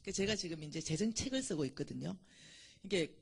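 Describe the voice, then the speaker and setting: A woman lectures at a church, spinning chatty anecdotes. Her voice is husky and breathy. Her pitch rises and falls a lot as she jokes along. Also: expressive, fast, darkish tone. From Gyeongsang Province, South Korea. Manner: chatty storytelling, laughs at her own jokes.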